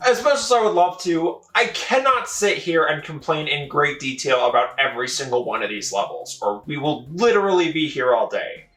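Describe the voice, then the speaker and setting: Sarcastic, lively high-voiced man. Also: moderate pace, hardly any pauses, dry recording, faint music behind. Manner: sarcastic, exasperated ranting. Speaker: video game reviewer. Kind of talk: commentary video essay.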